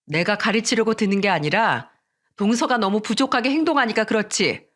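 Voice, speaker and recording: A woman's voice: mid-range voice, fairly quick, a bit bright, close to an everyday voice. A woman reading the part of a firm elder sister-in-law, a teacher and mother, lecturing a younger relative. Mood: indignant.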